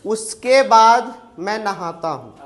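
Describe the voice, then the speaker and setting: An Indian man teaching spoken English in a classroom, drilling students with quick questions. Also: high-pitched.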